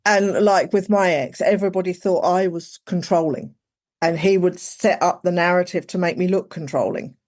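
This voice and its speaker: A woman's voice: on the low side, moderate pace, darkish tone. A woman, chatting casually as a podcast guest, full of "like" and "you know". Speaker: guest, executive coach.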